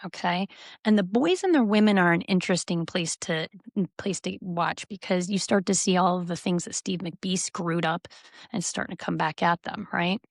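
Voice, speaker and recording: A woman co-hosting a podcast, telling reality TV stories in an animated, gossipy way. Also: on the low side, normal speed, vocal fry, dry recording, clean studio sound. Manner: animated storytelling, recounting reality TV scenes. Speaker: podcast co-host. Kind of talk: casual podcast chat.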